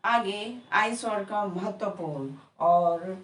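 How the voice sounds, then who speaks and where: A woman teaching pronunciation in a slow lesson, explaining rules step by step and repeating example words one at a time. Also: medium pitch. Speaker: English teacher. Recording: echoey room, from a distance, faint background noise.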